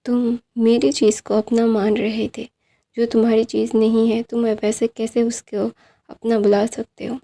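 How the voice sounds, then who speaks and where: A woman's voice: on the high side, flat delivery, measured pace, vocal fry, warm tone. A woman reading as a teasing young lover.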